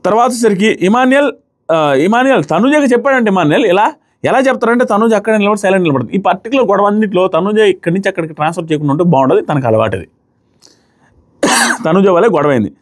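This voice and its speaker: A man giving a casual, opinionated review of a reality show, retelling the arguments quickly and acting out what others said. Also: sits high. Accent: Telugu-speaking South Indian. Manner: fast, animated retelling, briefly mimics the people he quotes.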